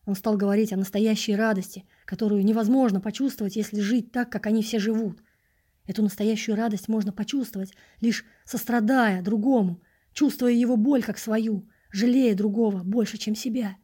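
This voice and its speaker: A quiet, pleading homeless man speaks low and soft, as a woman reads him for an audiobook. His voice stays mellow and dark, never rising above a murmur. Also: steady tone, moderate pace, slightly rough, natural voice. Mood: hushed. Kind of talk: audiobook reading.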